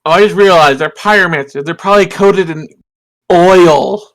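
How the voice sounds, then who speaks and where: A man talks through his turn in a tabletop game, eager and joking. His voice is gravelly and somewhat high. He checks the rules out loud as he goes. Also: normal speed, rough recording. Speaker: player. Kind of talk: casual game chat.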